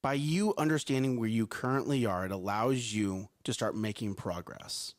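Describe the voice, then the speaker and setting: This co-host of a live morning talk show has a lowish, strong, carrying voice and talks at a normal speed. His delivery is energetic and full of repeated words, with frequent "right?" and "okay?" check-ins.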